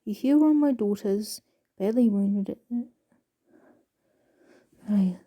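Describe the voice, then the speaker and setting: Slow, dark-voiced woman reading aloud. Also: medium pitch. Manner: halting, stumbling reading with soft asides. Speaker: video creator reading excerpts aloud. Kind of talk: casual reading aloud with commentary.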